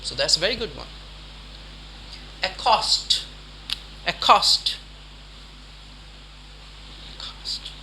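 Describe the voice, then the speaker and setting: Slow, bright-voiced male vocabulary teacher. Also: sits high, a little hiss or hum. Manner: slow, repeats words deliberately, quizzes the listener. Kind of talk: instructional vocabulary lesson.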